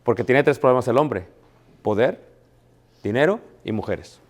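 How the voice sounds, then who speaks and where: A man's voice: medium pitch, expressive, normal speed. A man preaches a sermon to his congregation, telling stories with quoted dialogue and asking rhetorical questions.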